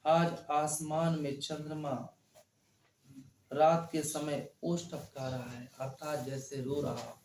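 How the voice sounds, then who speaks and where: A man's voice: a little high, flat delivery, a little mellow, reverberant, a little hiss or hum. A male teacher explaining a poem line by line, repeating phrases and quizzing the class. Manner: slow and repetitive, quizzing the class. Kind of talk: line-by-line Hindi poetry lesson.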